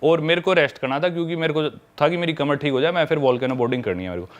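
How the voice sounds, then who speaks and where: A man's voice: fairly high pitch, very fast. A man telling a travel story in casual podcast chat, mixing English words into his Hindi.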